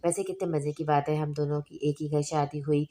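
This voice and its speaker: Chirpy teasing young bride, read by a woman, low even voice. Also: a little fast, natural voice. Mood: chatty.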